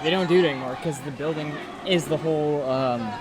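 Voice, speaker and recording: A vlog host with a slightly high voice talks a little quickly as he strolls through a busy theme park. He explains things casually like a tour guide, with loud crowd noise around him outdoors.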